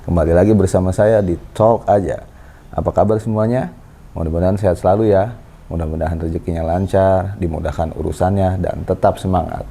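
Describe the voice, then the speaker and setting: A man in his thirties hosting a casual parenting chat with his wife, explaining in a calm, lecturing way. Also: deep voice, a little fast, gravelly. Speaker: host. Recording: faint background noise.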